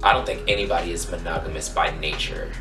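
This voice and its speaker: A man in his twenties from Maryland, giving frank, reflective interview answers that turn animated when he argues a point. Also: low voice, fast. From Maryland, USA. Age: 20s. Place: room with yellow backdrop. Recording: echoey room, distant mic, faint music.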